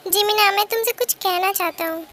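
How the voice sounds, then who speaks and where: A woman's voice: very high-pitched, a little fast, a bit bright. A woman voicing a remorseful young man who apologetically pleads with his best friend. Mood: pleading.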